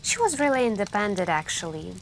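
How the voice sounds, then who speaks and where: This soft-spoken woman, an ASMR performer cast as a friend by the campfire, tells frightening stories in a mid-range voice that stays hushed and close, with pauses and drifts into whispering. A steady ambience of a crackling fire and the night plays behind her.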